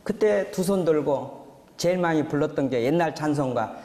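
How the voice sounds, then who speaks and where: Fervent older pastor in a ringing hall. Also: male voice, a little high, expressive, moderate pace, dark tone. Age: 60s. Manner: earnest storytelling that rises into fervent exhortation. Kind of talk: testimony sermon. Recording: reverberant church hall.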